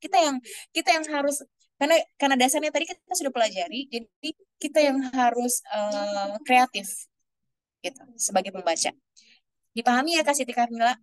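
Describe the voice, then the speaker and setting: A woman's voice: high voice, a little fast. A woman speaker answering questions in an online webinar, chatty and explanatory, with many fillers and restarts.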